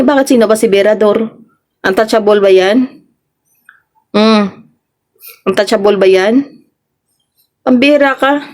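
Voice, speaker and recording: A woman vlogger with a Filipino accent giving her reaction, scolding someone with a string of sharp rhetorical questions. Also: a little high. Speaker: vlogger reacting to online drama. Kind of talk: casual reaction commentary.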